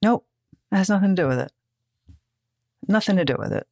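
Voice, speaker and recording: A woman's voice: mid-range voice, animated, fairly quick, darkish tone, dry recording. A woman co-hosting a podcast in casual chat, dry and insistent, often repeating her phrases. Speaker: podcast co-host.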